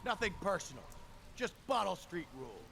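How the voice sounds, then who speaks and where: Bullying game street thug, demanding, animated swoops, noisy sound. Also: male voice, high-pitched, fairly quick, gravelly, full character voice. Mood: taunting. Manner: taunting, demanding. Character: bullying male street-gang thug extorting money. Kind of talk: video game character acting. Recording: distant, noisy game audio.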